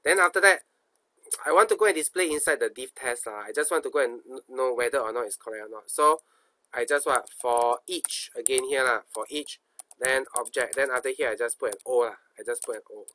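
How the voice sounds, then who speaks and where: A man's voice: medium pitch, fairly quick, bright, forceful tone, no room sound. A man with a Singaporean accent giving an informal coding tutorial, thinking aloud in colloquial speech, asking himself questions and repeating phrases. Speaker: programming instructor.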